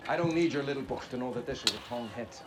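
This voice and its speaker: An actor playing a cynical, gruff police officer, in TV drama dialogue. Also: male voice, mid-range voice, rapid-fire, music in the background, lightly acted.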